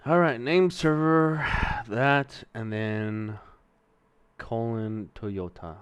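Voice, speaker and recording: A young man with a Mexican-American accent streams himself learning to code, drawing out his words in a medium-pitched, clean voice with no echo. Profane and rambling, he thinks aloud while typing through the exercises.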